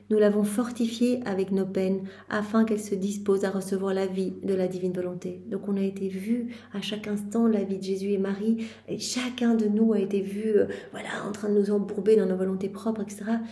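A woman talks through a devotional text in an earnest, gentle way, stopping and restarting often and filling the gaps. Her voice is very dark and mellow and stays almost flat in pitch. The room around her rings with echo. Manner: hesitant, halting, many fillers and restarts. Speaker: lay prayer leader. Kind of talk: spiritual commentary on a devotional text.

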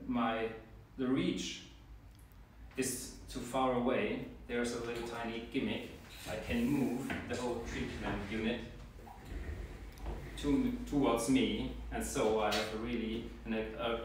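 Slow, halting man touring a dental clinic. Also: mid-range voice, little pitch movement. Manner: slow, halting, with many fillers and restarts. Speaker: dentist giving a clinic tour. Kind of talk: guided tour, explaining while walking. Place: indoors, a dental clinic treatment and sterilization room. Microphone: camera mic from a few steps away. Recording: roomy, distant, with clear background noise.

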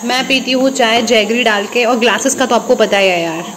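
Young woman vlogger, chatty and quick, high voice. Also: fairly bright tone. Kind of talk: casual chat.

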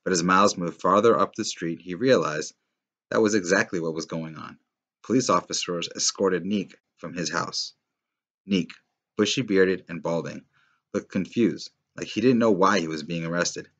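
Low-voiced man reading a novel aloud. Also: normal speed. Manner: steady storytelling, occasional slips and restarts.

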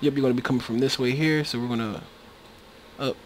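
A fast-talking man with a medium pitch and fairly even intonation rambles casually through gameplay commentary. Slight background noise is present, his USB microphone cuts out, and he relies on plenty of fillers and restarts.

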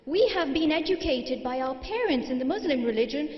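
A woman's voice: sits high, animated. Earnest young woman in audience. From Mauritius. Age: young adult. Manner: earnest, frustrated, measured. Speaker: audience member. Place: studio audience, large hall. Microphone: handheld mic. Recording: roomy, dull hall recording.

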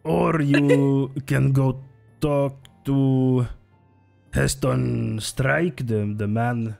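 A man playing a nervous, caring innkeeper who speaks in broken, halting English with many hesitations. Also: mid-range voice, fairly even intonation, vocal fry, darkish tone, soft background music. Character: nervous caring male innkeeper from a freed people, broken grammar.

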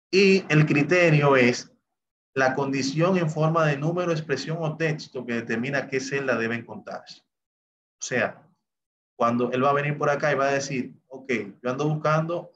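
A man's voice: medium pitch, moderate pace, dull audio, slight background noise. A man teaching a recorded spreadsheet class, explaining each step and often saying "bien" and "entonces" as he moves on. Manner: talks through each step of what the software does. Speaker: Excel instructor. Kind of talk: recorded screen-share lesson.

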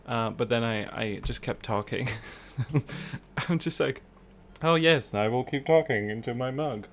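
A man's voice: medium pitch, measured pace. A man giving casual, rambling gameplay commentary with his voice muffled as he talks into a mug. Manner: rambling, self-deprecating, chatty. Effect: voice muffled, talking into a mug. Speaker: video game let's player. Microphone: voice-only recording, no camera.

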